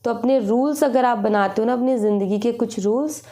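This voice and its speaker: Higher-voiced woman giving a tarot reading. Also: a little fast, warm tone. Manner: repetitive, instructive, mixes English words into Hindi. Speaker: tarot reader. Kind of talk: casual tarot reading talk.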